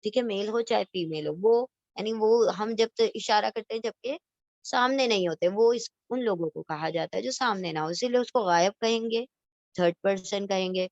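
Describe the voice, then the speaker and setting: A woman's voice: mid-range voice, normal speed, no echo, muffled recording. Patient woman teaching Arabic grammar, dry sound. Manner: explains patiently, repeats terms, asks "theek hai?" to check understanding; mixes in English grammar words and Urdu-flavoured vocabulary. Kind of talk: recorded lesson revising a past lecture.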